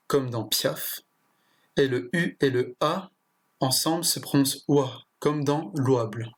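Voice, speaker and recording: Man, language teacher, husky voice, halting explanations with fillers. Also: mid-range voice. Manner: hesitant, with frequent fillers and restarts. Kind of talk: explanatory lesson.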